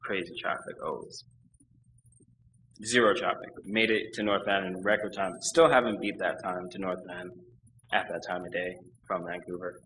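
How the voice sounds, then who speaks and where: A man's voice: low voice, fairly even intonation, moderate pace, bright, forceful tone, slight background noise, poor audio. A young man giving a personal testimony in church, telling his story with energy and acting out his own quoted lines. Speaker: baptism candidate giving testimony.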